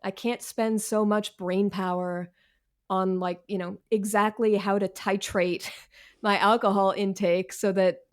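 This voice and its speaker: On a podcast, an author from Washington, D.C. chats as an interview guest in a relaxed, conversational format. This American woman speaks unhurriedly in a mid-range voice with little pitch movement. Her manner is slangy, candid, wry, and self-deprecating.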